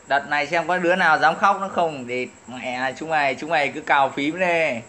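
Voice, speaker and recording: A man's voice: a little high, normal speed, sharp tone, slight background noise. A man ranting at his critics in a taunting, profane way, laughing at them as he insults them. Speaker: online commentator. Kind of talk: taunting profane rant to camera.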